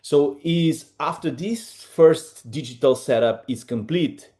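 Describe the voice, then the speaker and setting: A middle-aged implant dentist from Portugal co-hosts a webinar, giving a casual presentation in a slightly high male voice at a slow pace. He's relaxed, uses many fillers, and his phrasing is slightly non-native.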